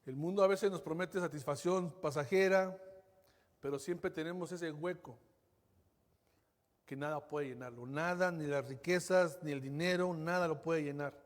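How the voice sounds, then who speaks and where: A male pastor delivers a fervent sermon in a high, bright voice. His delivery swells to bold peaks and then sinks to near-whispers. The long reverb of a large hall trails behind every phrase. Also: normal speed.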